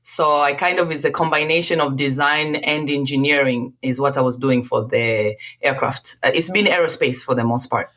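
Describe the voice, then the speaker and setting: A woman's voice: very deep voice, normal speed, few pauses, a bit bright. A woman from Tanzania, a podcast guest, talking casually about her background and laughing often. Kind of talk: casual interview chat.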